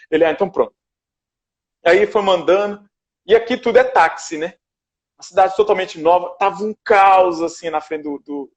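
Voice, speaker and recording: A man with a rather high voice telling a travel story in a relaxed, animated way, acting out the people he met. The sound is muffled and lo-fi, like a video call. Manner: animated storyteller, acts out dialogue. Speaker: guest. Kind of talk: casual storytelling. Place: his shared house.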